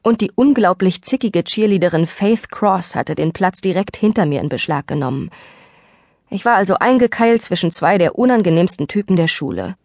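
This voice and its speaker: A woman narrates a first-person story for an audiobook with lively, expressive delivery. Her voice is fairly low for a woman. She is recorded very close and dry, with no room sound. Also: normal speed, no echo. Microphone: dry studio microphone.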